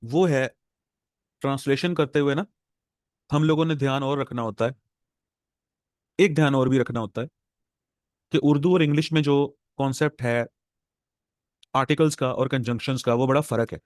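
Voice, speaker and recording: A man with a Pakistani Urdu accent lecturing a class of exam students on translation, explaining patiently and repeating words slowly to drill them. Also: medium pitch, fairly even intonation, a little mellow, dry recording, studio quality. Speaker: English professor lecturing exam aspirants.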